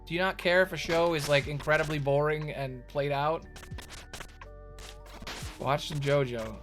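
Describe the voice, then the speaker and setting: A man's voice: a little high, fairly even intonation, measured pace, fairly bright tone. A man doing casual, sweary, joking commentary as he streams a video game. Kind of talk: casual gaming commentary and chat. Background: music, clearly heard.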